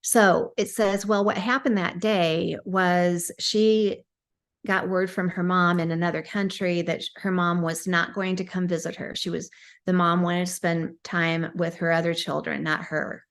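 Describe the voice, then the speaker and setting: A woman's voice: lowish voice, level tone, a little slow. A woman hypnosis practitioner, guest on a podcast, recounting a client session in a chatty way, with frequent ums and restarts. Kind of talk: casual storytelling.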